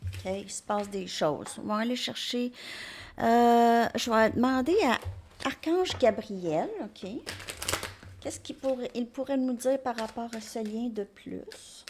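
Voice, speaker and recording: A woman's voice: on the high side, slow pace, a little mellow, a little hiss or hum. Chatty Québécois woman reading tarot. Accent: Québécois French. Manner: chatty, upbeat, thinks aloud between cards. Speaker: tarot reader. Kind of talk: casual tarot card reading.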